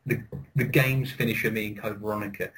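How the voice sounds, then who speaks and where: A man's voice: on the low side, steady tone, fairly quick, fairly bright tone. A man co-hosting a podcast in casual banter, laughing often and repeating himself as he argues. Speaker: podcast co-host.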